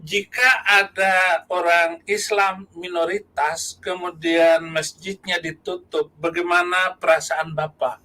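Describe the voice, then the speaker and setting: A man who is a pastor, calmly telling a story in conversation. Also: high voice, slow, poor audio. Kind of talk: conversational interview.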